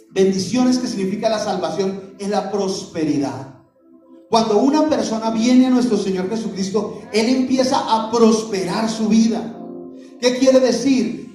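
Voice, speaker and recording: A man's voice: high-pitched, warm tone. A man preaching a sermon as pastor, asking the congregation questions and having them answer back. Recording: echoey hall, voice from far off, music behind.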